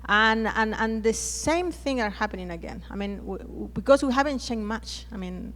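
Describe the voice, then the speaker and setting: A woman from Chile with a Chilean Spanish accent, speaking English as a second language on a conference panel, pausing often and restarting her phrases. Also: a little high, lively intonation, a bit bright, a little hiss or hum. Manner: hesitant, frequent restarts and fillers.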